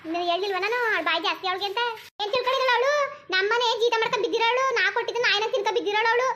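A woman's voice: very high voice, racing, bright, forceful tone, slight background noise. A woman voicing a haughty, scornful village landlady who scolds her servants, in a cartoon. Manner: contemptuous, scolding. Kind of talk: cartoon voice acting.

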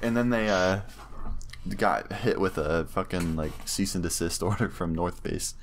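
A man with a lowish voice chats through a shooter game with his friends. His humor is crude and playful, and he keeps slipping into silly put-on accents. A light hiss of noise sits under the recording. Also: a little slow. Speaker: gaming channel host. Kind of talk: casual gaming banter with friends.

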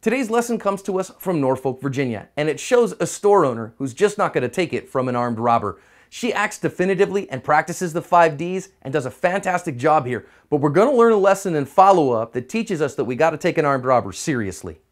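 A middle-aged American host gives an instructional self-defense commentary through a lapel mic, his fairly high voice very animated and a little fast. The delivery is emphatic and teacherly, colored by folksy expressions.

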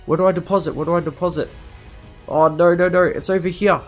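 A man's voice: high-pitched, steady tone, fast talker, soft background music. A man giving live commentary over his gameplay, frantic and anxious, repeating himself over and over as he talks. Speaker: gaming video creator.

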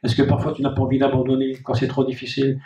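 A man's voice: medium pitch, completely flat delivery, fast talker, dark tone. A man preaching a sermon as pastor, repeating key phrases and speaking directly to the congregation. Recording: dull, echoey hall recording from a distant mic.

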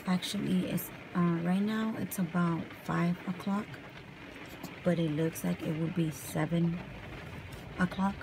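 Soft-spoken young woman, ASMR chat. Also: fairly low pitch, steady tone, a little slow, creaky, background noise. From California. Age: young adult. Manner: softly spoken, rambling and casual while brushing her hair. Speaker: vlogger. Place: parked car at night, rain outside. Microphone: camera close up.

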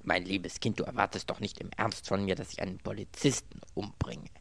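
A man voicing a calm, courteous and wry gentleman in an audiobook, in a low voice. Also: fairly quick, vocal fry, dry recording, full character voice.

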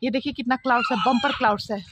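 A woman's voice: fairly high pitch, rapid-fire. A woman in her thirties hosting a casual family vlog, chatting to viewers and calling to her children at home. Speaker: vlog host and mother. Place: family home during heavy rain. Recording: heavy rain noise behind voice.

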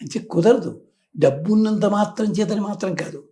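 Gravelly, dark-toned man teaching devotion. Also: high voice, normal speed. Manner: teaches through homely analogies and acted quotes. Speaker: spiritual teacher. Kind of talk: devotional explanation with storytelling.

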